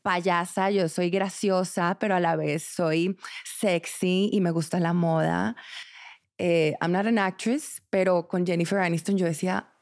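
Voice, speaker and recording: A woman's voice: on the low side, fairly even intonation, darkish tone. Bubbly Colombian woman, self-mocking. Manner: bubbly and self-mocking, quick, laughing often. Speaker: podcast guest. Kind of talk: casual chat.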